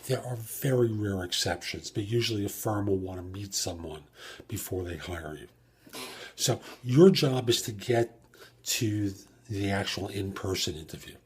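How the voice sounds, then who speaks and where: Speaking at a moderate pace in a fairly low voice, a man hosts a solo career advice podcast, with a little hiss or hum on the recording. As a job search coach, he walks through things step by step and answers the rhetorical questions he poses.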